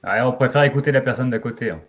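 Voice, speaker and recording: A man's voice: medium pitch, racing, lo-fi sound. A man co-hosting a casual chat, chiming in with dry, offhand remarks.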